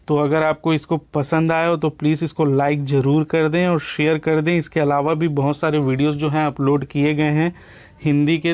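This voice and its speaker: A man teaching a lesson, asking questions aloud and answering them himself, often checking in with a quick "okay". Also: fairly high pitch, a little mellow, clear, resonant tone. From India. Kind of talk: classroom lecture.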